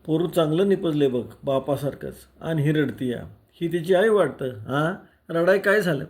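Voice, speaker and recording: A man's voice: fairly high pitch, expressive, normal speed, a little mellow, lightly acted. A man voicing a teasing old village man who jokes boisterously with the elders. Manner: bantering, boisterous.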